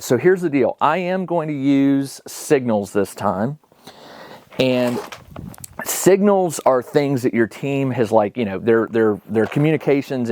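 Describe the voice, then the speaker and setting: A man's voice: medium pitch, a little mellow, no echo, studio quality. A man casually narrating a solo tabletop game, reading out rules and thinking aloud in a conversational way. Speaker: solo tabletop wargame player and host.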